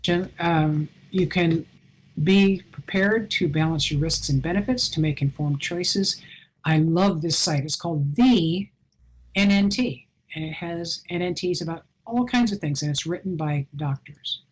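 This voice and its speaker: Older woman, husky, lowish voice, earnest advice, video call talk. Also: unhurried, rough recording. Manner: earnest, advising, with self-deprecating asides. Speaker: conference presenter. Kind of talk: online conference talk.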